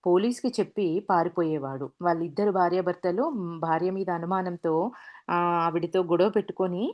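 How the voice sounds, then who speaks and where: A woman's voice: on the low side, brisk, highs cut off. A woman casually retelling anecdotes as a storyteller, with frequent restarts and fillers.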